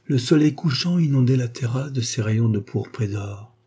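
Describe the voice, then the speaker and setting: Husky dark-voiced male narrator. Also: medium pitch, animated, moderate pace. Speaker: audiobook narrator. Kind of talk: reading a classic novel aloud.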